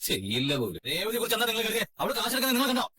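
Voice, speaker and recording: Guy doing a fired-up young husband, high bright voice, fan dub. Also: wildly swooping pitch, slightly rough, exaggerated voice. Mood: indignant. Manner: heated, indignant, rapid-fire. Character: young husband defending his wife, indignant. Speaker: fan dubber. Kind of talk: fan dub of a TV serial scene.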